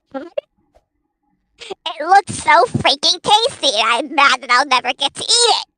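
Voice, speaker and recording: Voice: sits high, sing-song, unhurried, pushed and bright. A friend joining a stream in casual chat, playful and teasing.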